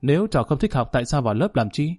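A man voicing a young village teacher in a story, trying to sound stern and calm. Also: medium pitch, fast talker, no echo, clean studio sound.

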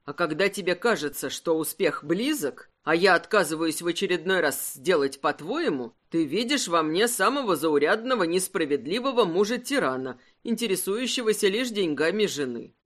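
A woman voicing a wry, self-assured earl. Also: animated. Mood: serious. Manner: unhurried, wry, lowered voice. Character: confident teasing aristocratic man, an earl.

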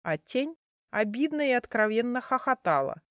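A woman reading a first-person fantasy story as an audiobook narrator, in a measured storytelling manner. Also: on the high side, very animated, no echo, studio quality.

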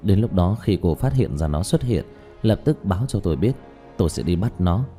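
In audiobook character dialogue, a man voices a young male exorcist who is calm and matter-of-fact. He explains things in a low-key, measured way over soft background music.

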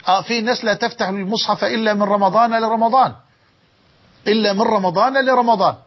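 A man preaching a sermon in an Egyptian accent, telling stories with emotion and repeating key phrases. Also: high-pitched. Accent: Egyptian Arabic. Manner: emotive storytelling with repetition. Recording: dull lo-fi recording.

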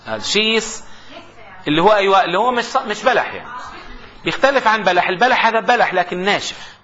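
A man lectures a class on grammar, his voice bright and fairly high for a man. He repeats each term slowly for students to write down and slips in playful jokes. The recording is muffled, with a faint hiss behind him. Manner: lively, repeats terms for dictation, jokes with students.

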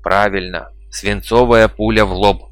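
Stubborn scornful chief, low voice, dry sound, read by a man. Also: steady tone, measured pace, clear, resonant tone, dry recording, lightly acted. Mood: insistent. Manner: reproachful, sneering.

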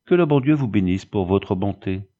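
A man voicing a simple, devout peasant woman who speaks humbly and warmly of thanks. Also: lowish voice, lively intonation, moderate pace, narrow, tinny audio. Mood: grateful.

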